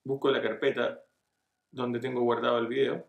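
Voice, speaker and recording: A middle-aged man talks a viewer through a screen-recorded tutorial in a relaxed, step-by-step way, often stopping to check they are following. His voice has a gravelly edge and sits at an ordinary pitch. The sound is echoey, picked up by a desk webcam in a small room. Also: moderate pace, narrow, tinny audio. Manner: casual step-by-step explaining with frequent checks like "¿cierto?". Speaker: online marketing tutor.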